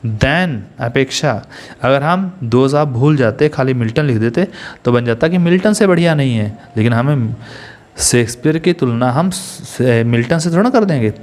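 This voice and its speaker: A man's voice: medium pitch, animated, normal speed, darkish tone. Indian guy teaching english grammar, goes step by step, keeps asking the class questions. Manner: explains step by step, asks students questions. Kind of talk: Hindi-English grammar lesson.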